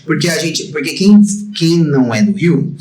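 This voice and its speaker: A man's voice: fairly high pitch, expressive, normal speed. A man hosting a podcast interview, chatting casually and making joking asides. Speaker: podcast host. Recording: echoey room with loud crowd noise.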